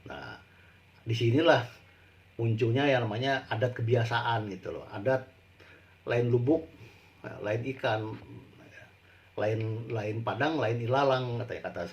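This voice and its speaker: A middle-aged man giving an informal spoken lecture to students, explaining slowly and repeating himself with frequent tag words. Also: mid-range voice, steady tone, lo-fi sound, a little hiss or hum. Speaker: university lecturer.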